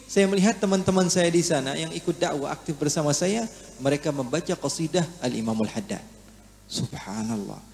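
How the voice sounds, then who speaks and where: A man's voice: fairly high pitch, darkish tone, slight background noise. A man in his thirties from Indonesia, preaching a sermon, telling stories and reciting Arabic scripture with swelling emphasis. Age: 30s.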